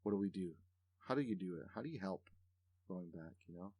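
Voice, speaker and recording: A man with a deep, low voice hosts a casual podcast interview. He talks in long, earnest, reflective turns. The sound is dry and close, with no room around it. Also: expressive, brisk, warm tone, husky, dry recording. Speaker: podcast host.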